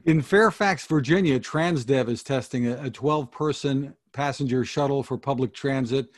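A man hosting a discussion show, reading news items and prompting the panel in a brisk, lightly wry way. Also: medium pitch, dry recording, studio quality. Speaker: podcast host.

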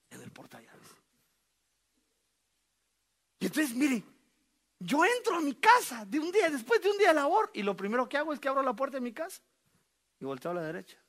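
A middle-aged man preaching a sermon as pastor, animated and joking, speaking straight to the congregation. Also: extremely high pitch, brisk. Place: church sanctuary.

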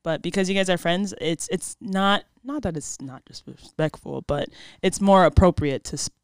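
A woman's voice: lowish voice, moderate pace, clear, resonant tone, no room sound, studio quality. A young woman from Samoa, chatting casually and reminiscing in an informal way full of slang. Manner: informal, says dude and like often. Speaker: podcast guest.

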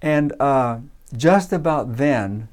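A man telling a personal story in a relaxed, casual way, with frequent fillers. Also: mid-range voice, slow pace. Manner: relaxed, many uh fillers, acts out voices in quotes.

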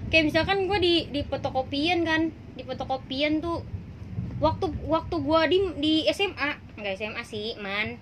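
Young woman, high voice, playful podcast banter, faint background noise. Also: moderate pace. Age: young adult. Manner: playful, laughs often, slangy banter. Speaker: podcast host. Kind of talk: casual podcast chat.

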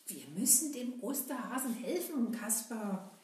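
A woman's voice: a little high, expressive, unhurried, a little mellow. A woman voicing Seppel, an eager, childlike boy sidekick in a children's puppet show. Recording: echoey, from a distance.

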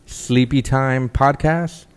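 A man's voice: medium pitch, fairly even intonation, slow, clean tone. A man co-hosting a podcast in casual banter, joking and teasing, with a slight lisp. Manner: joking, teasing, laughs often. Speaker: podcast co-host.

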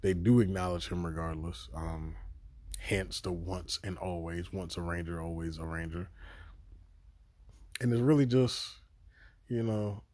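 A man talking through a show review on his podcast in a loose, rambling, profane way, with sudden excited bursts. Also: low-pitched, a little slow, long pauses, no echo. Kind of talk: casual spoken review.

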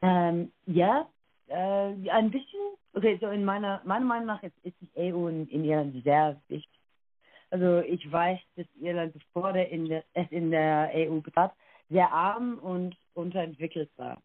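The interview guest is a young woman from Ireland with an Irish accent whose fairly low voice moves at a moderate pace. Her answers are hesitant, peppered with filler sounds and self-corrections, and the dry, echo-free audio sounds tinny, as if over a phone.

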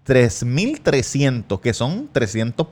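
A Puerto Rican man, a podcast co-host, tells a story with a lively, swinging pitch. He talks at a middle pitch and acts out the voices of the people in his tale. He curses often in a loose, chatty way. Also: takes it slowly. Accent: Puerto Rican Spanish. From Puerto Rico. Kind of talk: casual storytelling among friends.

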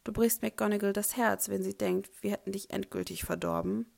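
A woman's voice: mid-range voice, steady tone, normal speed, gravelly, darkish tone. A woman voicing a cheeky teenage schoolboy who teases with a grin. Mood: teasing. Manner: grinning, teasing. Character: cheeky teasing teenage boy.

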